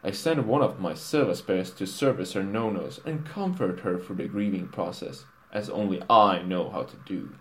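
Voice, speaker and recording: Dude reading a smug rich pony stallion, low voice, bragging and teasing, storybook. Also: male voice, normal speed, hardly any pauses, a bit bright. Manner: boastful and teasing. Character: smug vain male pony millionaire.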